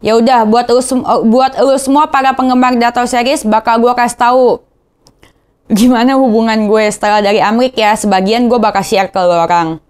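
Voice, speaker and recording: A woman's voice: on the high side, steady tone, moderate pace, smooth. A young woman with a Jakarta slang accent, talking in a casual confessional vlog, emotional and rambling, often repeating herself. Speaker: vlogger.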